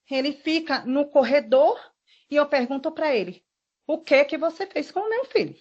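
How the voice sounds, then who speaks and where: A woman giving a witness statement, retelling events in an emotional, rushed way with quoted dialogue. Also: high-pitched. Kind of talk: recounting events in a formal statement. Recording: dull lo-fi recording.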